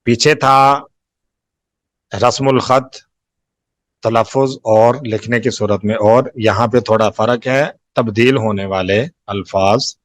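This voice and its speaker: A man with a Pakistani Urdu accent gives a recorded lecture on Quran recitation, speaking at a middling pitch. He goes slowly, repeats each key word and stretches example words out syllable by syllable. The sound is close and dry with no room echo. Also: fairly even intonation.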